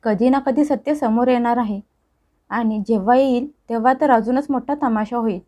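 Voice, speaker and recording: A woman's voice: on the high side, normal speed, mellow, close to an everyday voice. Troubled young husband, read by a woman. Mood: tense pleading. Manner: tense, pleading, defensive. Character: young married man, troubled and pressured son.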